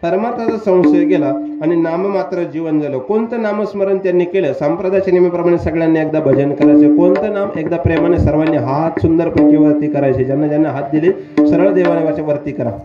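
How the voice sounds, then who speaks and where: A man preaching a devotional kirtan sermon, telling stories and questioning the audience in an animated way. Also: a little high, fast. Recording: echoey, slightly dull hall recording. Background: instrument music.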